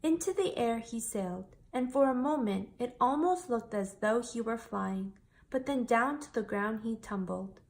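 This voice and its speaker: A woman reads a children's picture book aloud with expressive, storytelling flair. Her voice sits on the higher side, and she reads at a normal speed.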